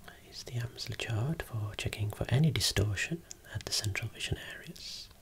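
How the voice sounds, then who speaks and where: A voice whispering slowly and softly, showing eye-clinic equipment as an ASMR role-play optometrist. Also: medium pitch, animated. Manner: soft unvoiced whispering, explaining slowly.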